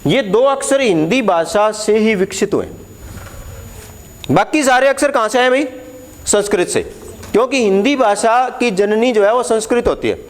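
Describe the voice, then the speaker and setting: A man's voice: very high-pitched, slight background noise. A man teaching Hindi letters at a board, explaining patiently, repeating key words and putting questions to the class.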